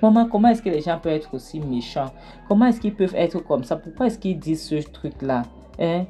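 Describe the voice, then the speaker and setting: A woman's voice: low voice, expressive, brisk, mellow, soft background music. A woman voicing an upset young daughter pleading her innocence to her mother. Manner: pleading, emphatic denials.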